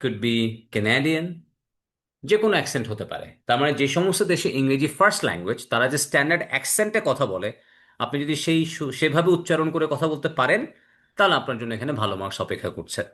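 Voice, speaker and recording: A man teaches an online IELTS class at a middle pitch. He switches between Bengali and English, poses questions and answers them himself. His English words come slowly and deliberately. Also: very animated, a bit bright. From Bangladesh. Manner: drawn-out, careful English words.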